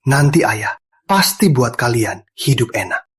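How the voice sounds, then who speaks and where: A woman's voice: extremely low pitch, very animated, a little slow, husky, exaggerated voice. A woman voicing a father who earnestly pleads for his children's trust, in a dubbed short drama.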